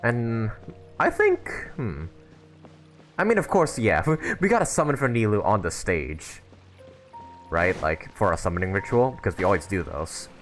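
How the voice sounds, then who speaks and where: With a sing-song lilt, a man whose voice is fairly low and fairly bright talks at a normal speed to viewers of his casual game livestream. He rambles and thinks out loud while game music plays.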